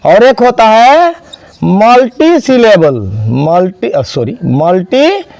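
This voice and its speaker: A man's voice: sits high, huge pitch swings, measured pace, darkish tone, no echo. A man teaching an English grammar class, spelling words out and quizzing students. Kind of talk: classroom lesson.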